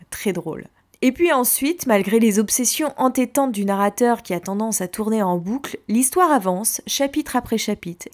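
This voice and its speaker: A young adult woman hosting a podcast, reading her book review in a calm, measured way with a few fillers. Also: mid-range voice. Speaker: podcast host reviewing books.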